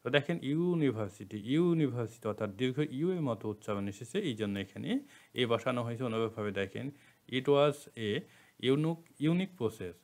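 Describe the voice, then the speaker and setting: A man teaches a grammar lesson at a mid pitch. He goes through each point patiently, repeats key words and asks rhetorical questions of his students. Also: a little fast, a little mellow.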